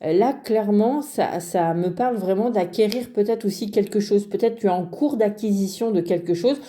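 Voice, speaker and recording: A woman giving a casual card reading to her viewers, talking straight to them with many pauses and restarts. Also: mid-range voice, dark tone. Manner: hesitant, many fillers and restarts, addresses viewer directly. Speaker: card reader. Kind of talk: casual spoken tarot reading.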